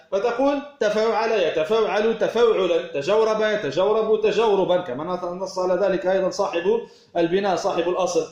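A man's voice: sits high, echoey room, dull audio. A man teaching Arabic word patterns from a verse text, repeating key words and asking questions he then answers himself. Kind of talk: explaining a verse text line by line.

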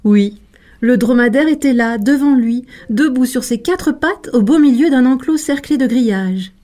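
A woman telling a tale aloud, expressive and measured, slowing down to let moments land. Her voice sits a little high for a woman. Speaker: storyteller. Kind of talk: told story narration.

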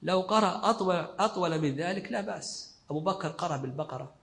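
A man's voice: high voice, quick pace, gravelly, fairly bright tone. A male sheikh giving a scholarly lesson commentary, explaining in short, repeated phrases. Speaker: sheikh teaching a fiqh text.

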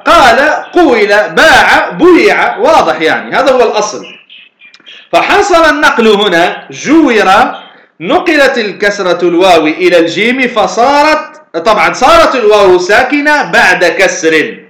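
A Tunisian man gives a religious lesson in a high, sharply bright voice. He explains slowly and repeats himself, posing questions and then answering them. The recording is echoey, as if made in a roomy hall. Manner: repeats phrases and asks rhetorical questions. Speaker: religious teacher.

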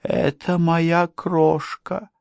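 A man's voice: a little high, little pitch movement, drawn-out words, gravelly, darkish tone, no echo, voice pushed up, exaggerated voice. A man voicing a frightened, mad young man who pleads like a child. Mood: threatening.

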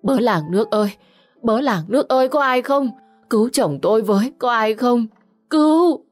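A woman's voice: lowish voice, moderate pace, faint music behind, natural voice. A woman voicing a frantic older village wife, crying out and wailing for help in a Vietnamese folk tale.

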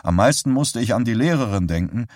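A man voicing an older male doctor who talks in an earnest, halting, apologetic way. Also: mid-range voice, animated, darkish tone, no echo, studio quality. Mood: earnest, troubled.

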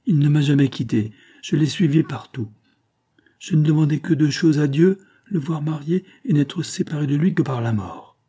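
A man's voice: mid-range voice, normal speed, dark tone, slightly rough, close to an everyday voice. A man voicing an anxious, tearful older mother in an audiobook reading, speaking in a pleading, emotional way. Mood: distraught.

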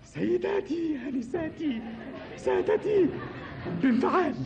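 A man's voice: extremely high pitch, lively intonation, unhurried, vocal fry, lo-fi sound, crowd noise, heavily acted. A man playing a clumsy, nervous stagehand with an Egyptian accent in a 1950s radio comedy sketch, speaking in an overdone, stumbling way. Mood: comic. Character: clumsy nervous male stagehand, eager but hopeless. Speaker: bumbling assistant in a radio sketch. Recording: noisy old radio archive, live audience.

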